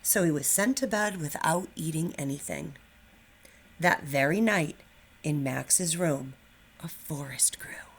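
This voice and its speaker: Speaking to young children as their teacher, a middle-aged woman with a low voice keeps a measured pace, sounding informal, encouraging and slightly nervous. She alternates casual chat with an expressive storybook read-aloud, and a little hiss or hum is audible.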